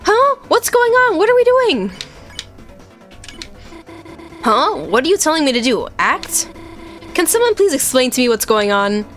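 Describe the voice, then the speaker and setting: A woman's voice: sits high, big pitch swings, moderate pace, a bit bright, faint music behind, voice pushed up. A woman voicing a timid, nervous young girl from a game, asking anxious, stammering questions.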